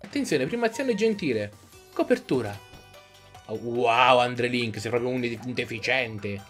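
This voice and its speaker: A man's voice: medium pitch, expressive, unhurried, fairly bright tone. A young man giving jokey, casual commentary while playing a video game, sometimes reading game lines aloud in playful voices. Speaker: gaming YouTuber. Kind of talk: casual let's-play commentary. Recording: faint game music behind.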